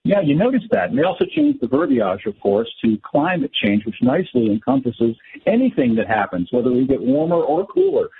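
A man's voice: mid-range voice, wildly swooping pitch, fairly quick, creaky, a little hiss or hum. A man giving sardonic, wordy conversational commentary as a radio interview guest. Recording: dull lo-fi radio audio.

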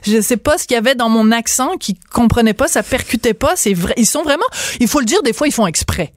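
A woman's voice: a little high, lively intonation, no echo, clean studio sound. A middle-aged woman, hosting a radio interview in a chatty, teasing way. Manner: chatty, teasing, drawn-out phrasing. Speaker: radio host.

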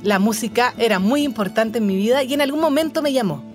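A young Chilean woman with a Chilean accent, calmly narrating her own life story in a scripted, reflective way. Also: a little high, fast talker. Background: music under the voice.

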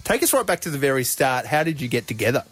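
A man's voice: medium pitch, sing-song, fast, a bit bright. A man hosting a radio show, cracking jokes in upbeat banter. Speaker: radio host.

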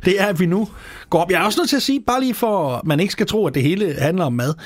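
A man's voice: high-pitched, lively intonation, dry recording. A man from Denmark hosting a podcast, chatting with playful, ranting exaggeration. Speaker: podcast host. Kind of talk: comedic casual chat.

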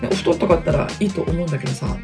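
A woman in her thirties from Hokkaido, Japan, hosts her own podcast, chatting casually and self-deprecatingly on her own. She speaks quietly, very fast, in a deep, creaky voice over music, recording on a computer mic inside a closet in a wooden apartment studio.

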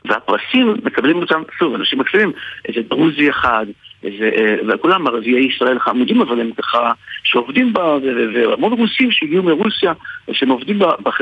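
A man with an Israeli accent tells an anecdote casually, haltingly, repeating and restarting his phrases. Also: medium pitch, vocal fry, husky, dry recording. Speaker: guest, stage performer. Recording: muffled radio or phone-like sound, dry.

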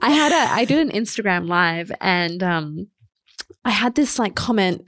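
A woman's voice: mid-range voice, animated, measured pace, fairly bright tone, a little hiss or hum. A woman co-hosting a casual podcast chat, telling candid stories and acting out her own inner voice. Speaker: podcast co-host.

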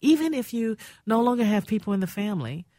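A woman's voice: a little high, lively intonation, quick pace, dark tone, dry recording, studio quality. An older woman hosting a radio talk show, telling a heartfelt, reminiscing story. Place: radio studio.

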